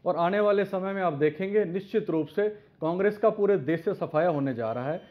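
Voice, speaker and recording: A man with a high voice speaks on a television debate panel over a thin, narrow phone line. He argues in a forceful, combative way, pressing his attack without letting up. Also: brisk. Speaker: opposition party panelist. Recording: tinny phone-line connection.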